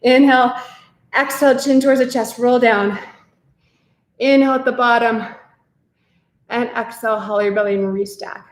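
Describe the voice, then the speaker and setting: A woman's voice: on the high side, fairly even intonation, moderate pace, long pauses. A woman teaching a live online pilates class, counting reps and cueing breaths while she demonstrates, a little out of breath. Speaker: pilates instructor. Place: pilates studio. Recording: very echoey room with faint noise.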